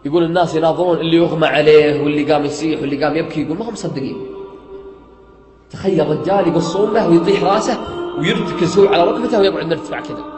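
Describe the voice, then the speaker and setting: A man's voice: on the high side, racing. A man preaching a sermon, retelling a story dramatically, swearing oaths and repeating "he says" over and over. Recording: echoey room with faint music.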